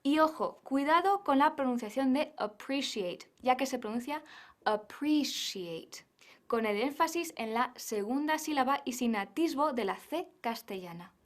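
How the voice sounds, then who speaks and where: A woman giving a scripted English lesson, modelling phrases slowly and carefully. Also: sits high, expressive. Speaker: English teacher.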